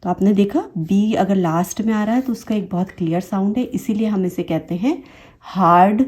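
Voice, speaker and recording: A woman's voice: mid-range voice, moderate pace, darkish tone, husky. A woman with an Indian English accent teaching a phonics lesson, saying each example word twice and explaining the rules patiently.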